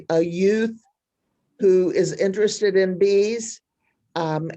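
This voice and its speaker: A woman's voice: lowish voice, dark tone, dull audio. A woman giving an informal announcement as a member at a club meeting.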